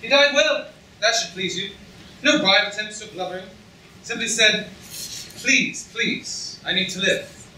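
A man's voice: high voice, a little slow, long pauses, sharp tone, full character voice. A young man playing a mocking, menacing pirate captain with sardonic, theatrical delivery in a staged reading. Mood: taunting. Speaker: actor in a student staged reading. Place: lecture hall stage, indoors. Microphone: far camera in audience. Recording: echoey hall, distant audience-camera mic, noisy.

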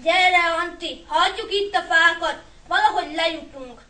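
A woman's voice: extremely high pitch, bright, forceful tone. A woman reading a story aloud and voicing a hot-tempered older boy who snaps and bosses his little brother. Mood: coaxing. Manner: snapping, bossy. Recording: echoey hall from far off.

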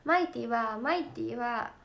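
A young woman with a Kansai accent chatting casually on a livestream for fans, giggly and talkative, slipping into quick impressions of friends. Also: fairly high pitch, gravelly, fairly bright tone. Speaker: idol trainee streaming to fans.

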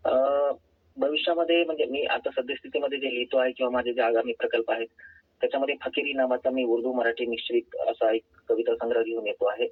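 A man speaks as a caller through a tinny telephone line, his voice husky and a little breathy. His pitch sits in an ordinary middle range, and his answers come out measured and earnest. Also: flat delivery. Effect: heard over a phone line. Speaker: author and poet, guest caller. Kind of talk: phone-in interview answers.

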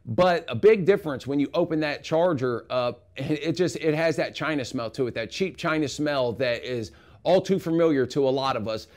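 A man's voice: fairly high pitch, normal speed. Casual man reviewing tools in his garage. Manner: relaxed, rambling, frank opinions. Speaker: tool reviewer. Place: home garage.

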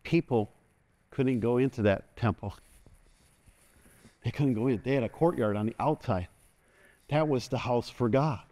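A middle-aged man preaching a sermon from a church stage, animated and constantly calling for an "amen" from the congregation. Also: medium pitch, a little slow, long pauses. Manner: animated, moves about the stage, call-and-response asking "amen". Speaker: pastor. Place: large church stage, indoors.

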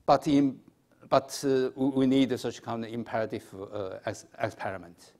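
A man in his sixties with a Chinese accent, giving a formal lecture at a podium in a halting, hesitant manner with repeated words. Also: medium pitch, darkish tone. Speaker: academic conference speaker. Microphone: podium microphone.

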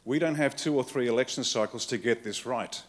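A man's voice: medium pitch, fairly quick. An Australian man giving a political keynote speech at a conference, blunt and wry in short punchy phrases. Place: conference hall with live audience.

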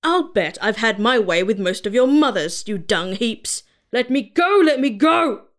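A woman reads as a big, gruff space captain with a short fuse who barks his lines and bellows when riled. He sounds like a storybook rocket-ship hero with a middling, ordinary pitch. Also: lively intonation, unhurried, natural voice. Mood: raving. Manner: barking, bellowing threats.

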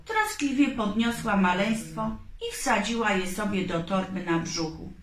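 A woman reading a children's story aloud in a gentle way. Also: medium pitch, expressive, a little slow. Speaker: storybook reader. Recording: echoey room, faint noise.

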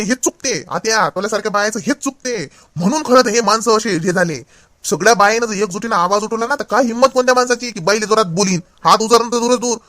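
A man's voice: high voice, a bit bright, no room sound, studio quality. A man playing a preachy young nephew. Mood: lecturing. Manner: lecturing, insistent. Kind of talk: comedy skit acting.

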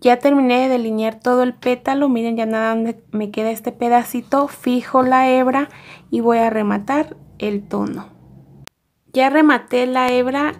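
A woman teaching embroidery step by step in a calm, methodical way. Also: on the high side. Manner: calm, methodical, repeating each stitch step. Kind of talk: step-by-step craft tutorial.

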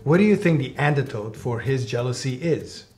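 A man's voice: mid-range voice, animated, moderate pace, darkish tone, faint music behind. A man in his forties explaining things encouragingly, as the father in a scripted children's sketch. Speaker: father and mediator in children's show. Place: studio, seated at a table.

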